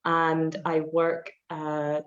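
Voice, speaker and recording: Scottish woman, low voice, chatty and filler-heavy, roomy dull call audio. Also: completely flat delivery, very slow. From Scotland. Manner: chatty, explains with many fillers. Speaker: personal fitness trainer, guest. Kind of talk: casual interview answers.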